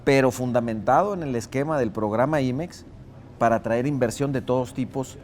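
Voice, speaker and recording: A man's voice: mid-range voice, normal speed, a little mellow, slight background noise. Man listing points in an interview. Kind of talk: interview answer.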